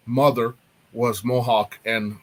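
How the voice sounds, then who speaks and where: A man's voice: medium pitch, level tone, slow pace. A man, an artist and apparel designer, chatting casually as a guest on a video call and laughing as he explains things. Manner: easygoing, laughs while explaining.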